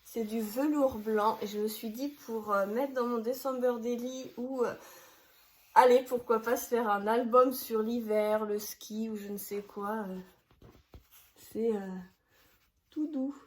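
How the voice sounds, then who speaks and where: A woman in her thirties showing her craft purchases in casual chat to camera, talking with many hesitations and soft laughs. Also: fairly high pitch, fairly even intonation, measured pace, echoey room. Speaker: scrapbooking vlogger.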